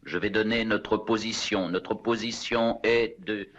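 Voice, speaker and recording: Low-voiced, resolute male conspirator. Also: fairly even intonation, measured pace, fairly bright tone. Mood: urgent. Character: resolute male conspirator sending an urgent fake distress call. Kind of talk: dubbed 1960s TV drama. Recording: dull, hissy old TV soundtrack.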